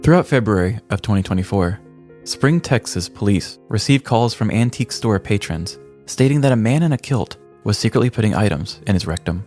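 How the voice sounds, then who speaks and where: With a lowish, darkish voice, lively intonation and a fairly quick pace, a podcast host delivers a scripted comic story in grand, ornate, mock-serious fashion. Background music plays behind him.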